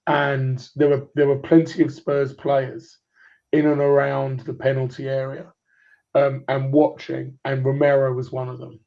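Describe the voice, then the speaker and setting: A man's voice: medium pitch, completely flat delivery, unhurried, creaky. A man in his forties on a clipped phone line, chatting about football in a rambling way and restarting his points over and over. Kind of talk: casual football chat.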